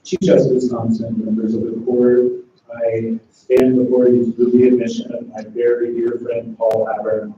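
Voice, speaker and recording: A man gives a formal tribute to a court. The sound is distant and muffled, with heavy room echo and steady background noise. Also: mid-range voice. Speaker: attorney moving an admission. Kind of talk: formal ceremony speech. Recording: echoey hall, far from mic, noisy.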